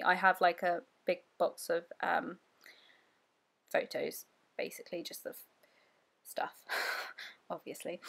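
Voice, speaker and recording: A woman's voice: mid-range voice, a bit bright. A young woman giving a casual, rambling voice-over, giggly and full of fillers. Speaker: scrapbooking vlogger.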